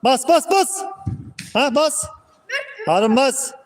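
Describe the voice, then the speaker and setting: High-voiced man barking short coaching orders. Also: lively intonation, slow pace, crowd noise. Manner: terse shouted commands. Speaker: youth football coach. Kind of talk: coaching from the sideline. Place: outdoor football pitch.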